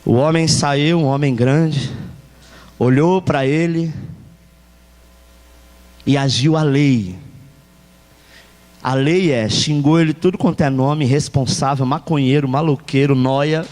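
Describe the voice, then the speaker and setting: A man's voice: fairly high pitch, slow, long pauses, a little mellow. A male pastor with a Brazilian Portuguese accent preaching a sermon, emphatic and repeating key phrases. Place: church hall. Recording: long church hall reverb.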